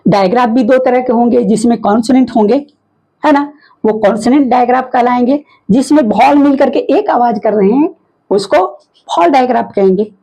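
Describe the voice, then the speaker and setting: A woman teacher explaining phonics in a patient lesson, sounding out letters slowly and asking the class questions. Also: high voice, dark tone, poor audio.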